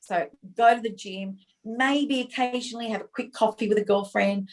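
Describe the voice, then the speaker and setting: A woman's voice: fairly high pitch, fairly even intonation, moderate pace, rough recording. A middle-aged woman, an interview guest telling her story candidly and acting out her own past dialogue.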